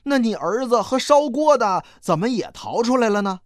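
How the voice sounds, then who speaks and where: A reader voicing a nosy, suspicious village questioner who probes with sharp questions. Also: medium pitch, lively intonation, normal speed, no room sound, clean studio sound, voice pushed up, lightly acted. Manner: prying, sharp, probing.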